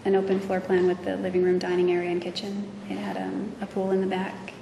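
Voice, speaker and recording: A woman testifying as a witness, speaking hesitantly with many pauses and fillers, in a courtroom recording. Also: mid-range voice, monotone, gravelly, dull audio. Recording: echoey courtroom audio from far off with noise.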